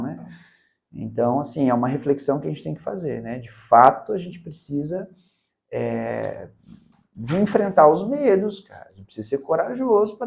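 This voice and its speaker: His pitch runs on the high side, with vocal fry and a slightly mellow quality. He's a Brazilian public-speaking mentor in a relaxed interview, making emphatic points often capped with "cara" or "né," and his accent is Brazilian Portuguese.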